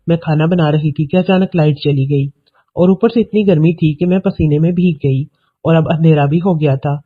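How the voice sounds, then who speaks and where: A man narrating a scripted story in a steady, even reading manner. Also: a little high. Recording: tinny, phone-like audio.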